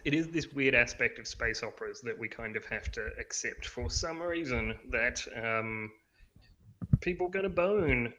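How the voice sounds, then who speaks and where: A man talks through a casual podcast review, halting with fillers and restarts and poking fun at himself. His voice sits in a middle register. The recording is a little dull and lo-fi. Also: medium pitch, pushed and bright. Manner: hesitant, many fillers and restarts, self-deprecating. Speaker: podcast co-host.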